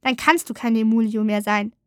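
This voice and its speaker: A woman's voice: a little high, fairly even intonation, normal speed, a bit bright, no echo, clean studio sound, natural voice. A woman voicing a mean, mocking male wooden creature in a storybook. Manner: scornful, mocking.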